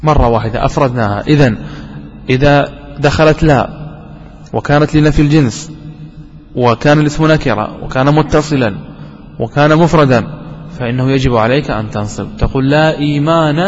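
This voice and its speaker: A man, a sheikh, explaining a grammar lesson, asking questions and answering them himself and repeating key words. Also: mid-range voice. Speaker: sheikh teaching Arabic grammar. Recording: dull lo-fi recording with long hall reverb.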